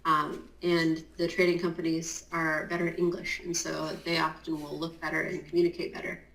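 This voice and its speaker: A woman with a somewhat low voice, speaking in a chatty, explanatory way with plenty of fillers. She has a just-woken morning voice. Her voice carries a roomy echo. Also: level tone, brisk, fairly bright tone. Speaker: guest, Amazon compliance consultant. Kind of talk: casual interview talk.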